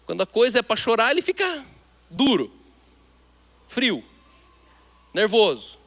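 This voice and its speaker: A man with a Brazilian Portuguese accent preaching a sermon, emphatic, his delivery swinging between loud declarations and hushed asides. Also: very high-pitched, wildly swooping pitch, unhurried. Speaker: pastor.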